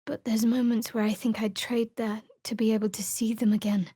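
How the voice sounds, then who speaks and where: A young female cleric of a dark goddess in a fantasy video game speaks in a measured, guarded way, wry and secretive, with a somber, confiding mood. Her voice is on the high side with a breathy edge and little pitch movement. The recording is dry and close, with no room sound.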